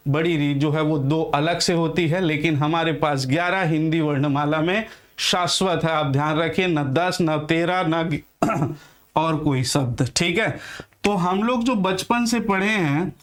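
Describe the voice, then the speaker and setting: A young man teaching Hindi grammar in a lecture, asking questions and answering them himself, sounding out letters slowly. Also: on the high side. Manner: repeats questions and answers them himself, addresses viewers as friends. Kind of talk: classroom lecture.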